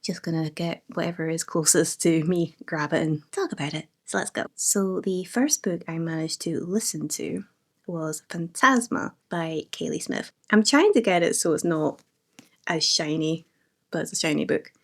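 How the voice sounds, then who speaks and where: A woman's voice: on the low side, moderate pace. A young adult woman chatting casually and enthusiastically about books she has read. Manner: chatty and enthusiastic, lots of fillers. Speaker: book vlogger. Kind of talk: casual book review chat.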